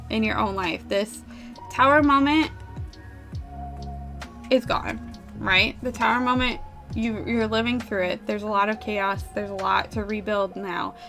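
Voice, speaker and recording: A woman's voice: a little high, fairly bright tone. A woman giving casual, chatty tarot readings on a live stream, talking informally and swearing now and then. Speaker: tarot reader.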